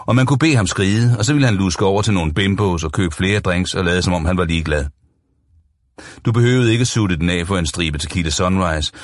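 A man narrating a novel as an audiobook, in steady, even storytelling. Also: low voice, dry recording, studio quality.

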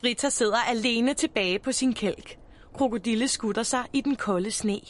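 A woman narrating a children's picture book in an expressive, animated way. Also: fairly high pitch.

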